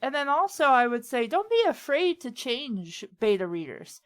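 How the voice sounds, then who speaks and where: A woman hosts a writing advice talk, chatting casually and rambling as she gives advice, often acting out what other people say. Her high voice swings widely in pitch at normal speed.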